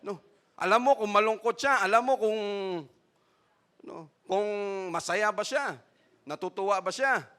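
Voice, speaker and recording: A Filipino pastor preaches with a bright, ringing tone and a fairly high voice for a man. He keeps checking in with his listeners with a quick "no?" and acts out the people in the story as he goes. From Philippines. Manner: Taglish preaching, frequent "no?" tags, acts out voices. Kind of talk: sermon.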